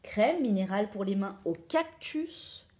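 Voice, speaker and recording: A woman's voice: mid-range voice, animated, a little slow, a little mellow. A young woman vlogger chatting playfully while unboxing beauty products, joking and reading product labels aloud. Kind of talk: casual unboxing chat.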